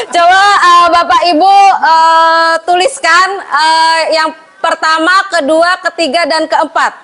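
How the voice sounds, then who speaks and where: High-voiced Indonesian woman teacher presenting. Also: little pitch movement, slow, background noise. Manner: explains patiently, addresses audience as Bapak Ibu, frequent fillers. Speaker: teacher presenting a training session. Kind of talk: classroom presentation to colleagues.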